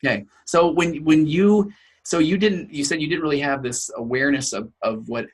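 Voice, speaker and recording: A man hosting a podcast interview, with a husky, slightly raspy voice. He affirms his guest often and stops and restarts his questions as he goes. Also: a little high. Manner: affirming, with halting restarts when asking questions. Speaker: podcast host and therapist.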